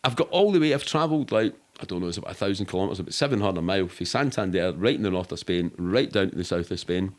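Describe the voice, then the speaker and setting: A low-voiced, animated man talks fast with hardly any pauses. He's middle-aged with a Glasgow-area Scottish accent, a podcast guest telling casual anecdotes in a sweary, colloquial way and acting out quoted speech.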